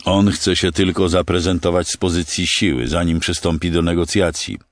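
A man's voice: low voice, fairly even intonation, normal speed, no room sound, clean studio sound, lightly acted. A male audiobook narrator voicing a composed woman advisor who explains things in an assured way. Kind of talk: audiobook character voice.

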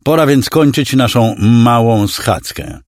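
A man's voice: medium pitch, animated, slow, creaky, a little mellow, no echo, clean studio sound, voice pushed up. A man voicing a cruel male alien clone villain who mocks and threatens in a condescending, menacing way. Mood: mocking menace. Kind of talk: audiobook character voice.

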